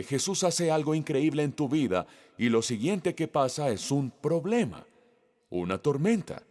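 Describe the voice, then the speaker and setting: Man, pastor delivering a sermon; slow, animated delivery; long hall echo. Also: medium pitch. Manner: slow, emphatic preaching with questions to the congregation.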